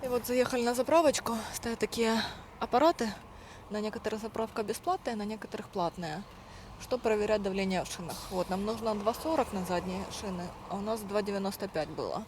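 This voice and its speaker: A young Russian-speaking woman based in Spain talks briskly at medium pitch in casual vlog narration, recounting everyday stories and acting out quoted lines for her viewers. The background is noisy.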